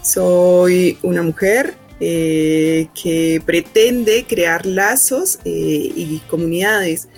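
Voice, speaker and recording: A Colombian woman, a university professor, answering interview questions in an earnest way with slow, stressed phrases. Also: lowish voice, darkish tone, faint music behind.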